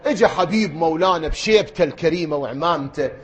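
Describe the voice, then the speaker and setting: A man's voice: a little high, fast, muffled recording, a little hiss or hum. A man with an Iraqi accent giving a mourning sermon. He tells the story and swells into chanting. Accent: Iraqi Arabic. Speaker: preacher. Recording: roomy hall echo.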